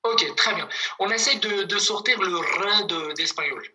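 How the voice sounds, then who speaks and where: A language teacher giving an online lesson over a video call, patiently repeating words slowly for students. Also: mid-range voice, lively intonation, bright, forceful tone, rough recording.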